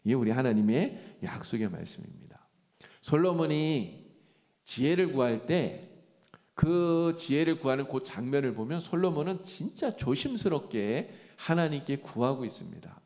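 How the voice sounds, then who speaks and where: A man pastor preaching a sermon in a church, animated and acting out quoted speech. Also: medium pitch, normal speed. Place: church sanctuary. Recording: church hall reverb.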